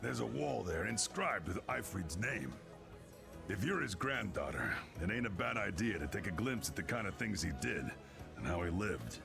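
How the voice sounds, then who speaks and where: Gruff game guild man, folksy, creaky voice, music behind. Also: fairly low pitch, very animated, normal speed, full character voice. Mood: advising. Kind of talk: video game dialogue.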